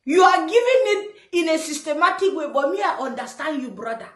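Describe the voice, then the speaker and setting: Lively high-voiced Nigerian woman commentator. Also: fairly quick. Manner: animated, laughs often, playful teasing. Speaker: online commentator. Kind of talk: reaction commentary. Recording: roomy echo.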